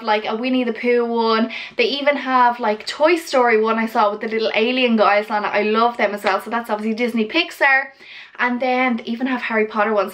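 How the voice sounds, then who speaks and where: A woman's voice: fairly high pitch, fairly bright tone. A young woman chatting to viewers in a chirpy haul video style, with gushing, girly enthusiasm. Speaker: vlogger presenting a shopping haul.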